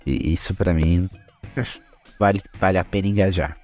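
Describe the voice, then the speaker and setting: A man's voice: low-pitched, fairly even intonation, a little slow, mellow, soft background music. Slangy young man, casual podcast chat. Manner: slangy, laughs often, rambling. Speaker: podcast co-host.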